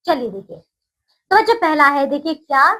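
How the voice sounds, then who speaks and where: Sing-song high woman teaching children. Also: very animated, moderate pace, fairly bright tone, low-quality recording. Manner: sing-song, stretches each target word upward. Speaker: primary school Hindi teacher. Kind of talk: slow teaching lesson for children.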